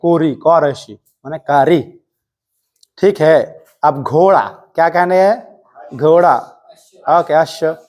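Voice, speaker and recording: Guy teaching a hindi class, kinda high voice, keeps firing questions at students, strict but joking. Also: a little mellow. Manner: quizzing students with rapid call-and-response. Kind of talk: live classroom lesson. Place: coaching classroom.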